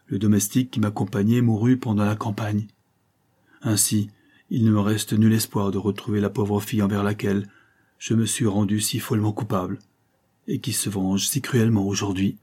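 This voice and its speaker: A man reading an audiobook, voicing a guilt-ridden young officer telling his story in a husky, earnest way. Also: fairly low pitch, little pitch movement, normal speed, warm tone. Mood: rueful. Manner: confessional, earnest.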